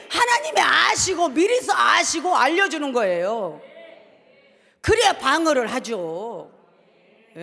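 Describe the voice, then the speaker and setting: Woman pastor, fiery sermon, high gravelly voice, long church echo. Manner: shouts often, prods the congregation with "예?". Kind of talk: impassioned sermon. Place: large church sanctuary. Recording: echoey hall reverb.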